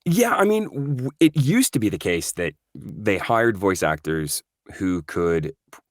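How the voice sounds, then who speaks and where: In a casual interview, a Norwegian voice actor speaks with a low, sing-song voice at a slightly slow pace. He muses aloud, restarting sentences and using plenty of fillers. The sound is dry and studio-clean.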